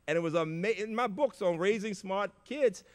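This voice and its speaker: An older man giving an inspirational keynote speech at a conference, telling stories with big emotional swings in loudness. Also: high-pitched, moderate pace. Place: large conference auditorium. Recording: reverberant conference hall.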